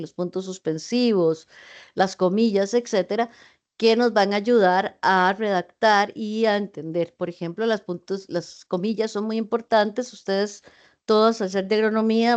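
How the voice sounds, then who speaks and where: A woman's voice: mid-range voice, a little mellow, highs cut off. A middle-aged woman lecturing in an online class, explaining in a conversational way with fillers and asides, heard over a video call. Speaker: university teacher.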